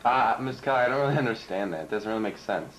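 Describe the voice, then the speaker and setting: A man playing a casual, sceptical male high school student in an amateur comedy skit, hesitant and slangy. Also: animated, fast, a bit bright. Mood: casual, doubtful. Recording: noisy, echoey home camcorder audio.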